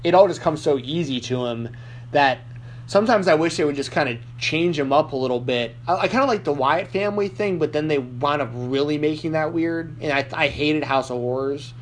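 Slightly high-voiced and a bit fast, a man rambles his way through hosting a casual Nashville wrestling podcast, restarting often and leaning on "like" and other fillers. A faint hiss or hum runs under the audio.

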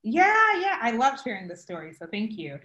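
A woman's voice: on the high side, huge pitch swings, moderate pace, echoey room, lo-fi sound. A woman born in Uganda who grew up in Zimbabwe and the US, a photographer telling her story as a podcast guest with easy laughter. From Uganda and Zimbabwe, then US South. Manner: warm storytelling, laughs easily. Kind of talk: casual interview chat.

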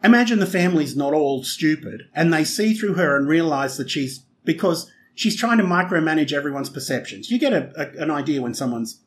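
A man with a slightly higher speaking voice co-hosts a chatty podcast and argues his points with emphasis. He drifts into stories and hypotheticals with quick asides. There is a faint hiss of noise behind him. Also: expressive. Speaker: podcast co-host. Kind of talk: casual opinionated chat.

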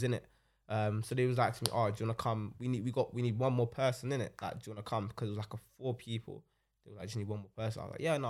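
Young male, London urban roadman accent, rapid slangy conversational storyteller, frequent "innit". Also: on the low side. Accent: London-style urban British, roadman slang. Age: young adult. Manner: slangy, tags sentences with "innit". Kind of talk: casual chat, anecdotes.

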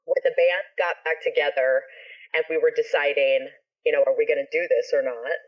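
A woman singer, a guest on a podcast, telling a story in a lively, expressive, casual way and swearing freely. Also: sits low, fairly quick, highs cut off.

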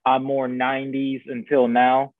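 A man's voice: mid-range voice, monotone, measured pace, no echo. A man from Guyana co-hosting a podcast, chatting casually with a laid-back, agreeable manner and plenty of slang. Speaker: podcast co-host. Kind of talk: casual chat. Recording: dry, phone-like lo-fi sound.

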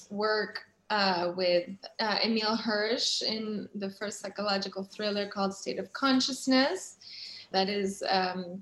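A Swiss actress and producer appears as an interview guest, chatting casually with enthusiasm and frequent giggles. Her voice is medium-pitched and a bit bright, and the recording sounds roomy and echoing.

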